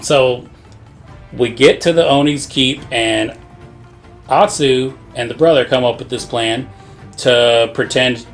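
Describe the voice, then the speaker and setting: A man's voice: medium pitch, fairly even intonation, slow pace, pauses often, soft background music. A man casually recapping a video game story, rambling with lots of swearing and frequent laughter. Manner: rambling, profane, laughs often. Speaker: podcast co-host.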